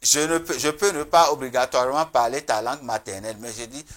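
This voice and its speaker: On a TV talk show, a man appears as a traditional spiritual guest, speaking earnestly and emphatically with pauses and restarts. His voice is medium-pitched and a bit bright.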